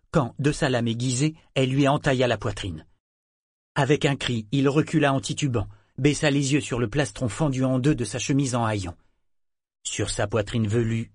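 A man narrates a novel in a measured, steady manner. His voice sits in an ordinary middle register. The recording is dry and close, with no room around it. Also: mid-range voice, slightly rough, no echo. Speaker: audiobook narrator. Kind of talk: scripted narration.

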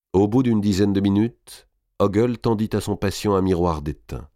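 A man reading a historical novel aloud in a measured, even storytelling manner. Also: low voice, dry recording, clean studio sound. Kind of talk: audiobook narration.

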